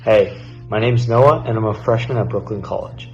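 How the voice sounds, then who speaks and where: A man's voice: lowish voice, moderate pace, darkish tone, soft background music. Slangy young man, lo-fi sound. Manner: joking, slangy. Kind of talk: casual self-introduction. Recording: dull lo-fi sound.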